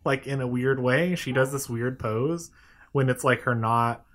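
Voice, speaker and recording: A young man with a mid-range voice chats casually, weighing his opinions with plenty of hedging. He often nods along with quick agreement. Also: mid-range voice, a bit bright. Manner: thoughtful, hedging, frequent agreeing backchannels. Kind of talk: casual chat.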